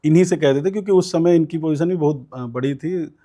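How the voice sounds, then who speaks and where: Mellow-voiced man from recounting. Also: a little high, quick pace. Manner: recounts events at length with many fillers and quoted voices. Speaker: student politician guest. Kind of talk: conversational storytelling interview.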